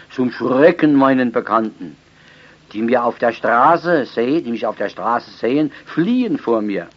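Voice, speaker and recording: A man preaching a sermon and reading from the Bible, swinging between loud stresses and soft asides. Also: medium pitch. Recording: dull lo-fi recording.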